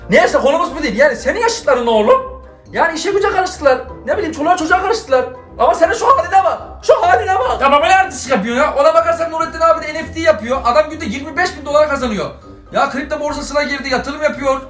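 A man's voice: extremely high pitch, lively intonation, fast, a bit bright, voice pushed up. A man playing a stern, preachy middle-aged father who scolds his grown son in an exasperated, moralizing way. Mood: lecturing. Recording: echoey room, faint music behind.

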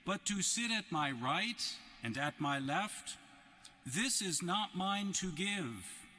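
Young man, solemn scripture reading, extremely slow, bright forceful voice, church reverb, deliberate pauses. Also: high voice, animated. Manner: measured, with deliberate pauses between phrases. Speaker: cleric reading the Gospel. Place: large stone church, at the ambo. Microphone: lectern gooseneck microphone. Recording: echoing basilica, long reverb.

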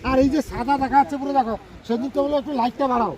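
A man with a very high voice talks into his phone for a casual family travel vlog. He chats and teases his relatives and now and then sings a line. Other people keep talking around him. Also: fairly even intonation, rapid-fire, a crowd in the background. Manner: chatty, teasing family members, bursts of singing. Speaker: vlogger. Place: outdoors on a beach at night, then at a dinner table.

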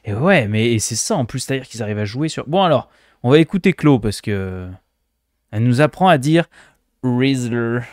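A playful man from France streams a game, joking and laughing as he comments. His voice sits at a middle pitch, recorded close and dry with no room sound. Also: lively intonation, moderate pace, a little mellow, no echo. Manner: playful, laughing, mimics accents. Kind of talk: casual gameplay commentary.

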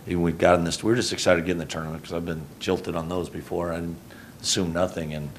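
A middle-aged head basketball coach from Houston, Texas, answers reporters after a game at a press conference, speaking into a table mic on a stand. His delivery is rambling, self-correcting and low-key, with a level tone and a fast pace. There's a little hiss or hum in the audio.

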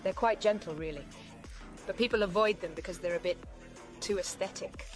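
An actress playing a gentle, dreamy, eccentric teenage witch in a fantasy film parody. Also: mid-range voice, a little fast, loud music behind the voice, lightly acted.

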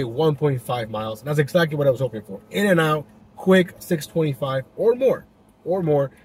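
In a rough recording from a dash-mounted camera, a young man with a mid-range voice vlogs while driving. He talks loosely to the camera, restarting often and leaning on fillers. The car adds a faint background noise.

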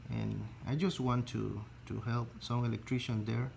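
In this slow tutorial, a man with Spanish as his first language explains an electrical calculation one step at a time, his Spanish-accented English broken by pauses and restarts as he looks for the right words. The voice is mid-range, creaky and a little mellow, with a steady tone and slight background noise.

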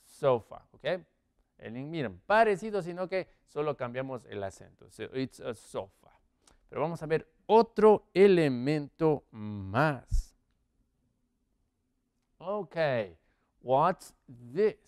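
Lively-voiced man teaching English. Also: fairly high pitch, clean tone. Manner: drawn-out, exaggerated pronunciation of English words; quizzes viewers with multiple-choice options. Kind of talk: English vocabulary lesson in Spanish.

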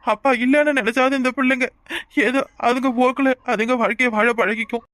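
A man voicing a guilt-ridden cartoon father, high and quick. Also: steady tone, fairly bright tone, no echo. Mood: remorseful. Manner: tearful, remorseful pleading. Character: grieving young father, guilt-ridden and pleading. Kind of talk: cartoon voice acting.

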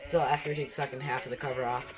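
A young man with a medium-pitched, level voice narrates a voice-over about cleaning his sailboat, talking at a racing pace. He is a sailing vlogger describing his boat work, rambling with many fillers and restarts. The recording is muffled, with music in the background.

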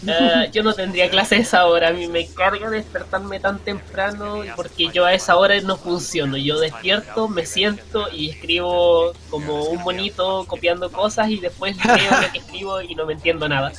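A man's voice: high-pitched, moderate pace, few pauses, sharp tone. A young man with a Chilean accent, a university student chatting easily as a speedrun stream commentator. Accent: Chilean Spanish. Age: young adult. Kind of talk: casual live-stream commentary chat.

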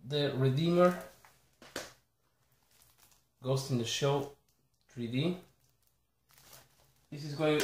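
A man with an Argentine Spanish accent, Spanish being his first language, speaks in a darkish, slightly high voice, with light background noise in an echoey small bedroom. He's a collector showing off a haul in a casual chat to camera, halting and apologetic as he lists titles one at a time.

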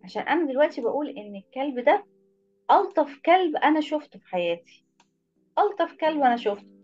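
Her voice sits high with a darkish tone, big pitch swings, and a fast pace. With an Egyptian Arabic accent, she teaches an English class in an online video, patiently explaining and praising each pupil by name, over lo-fi sound with soft background music.

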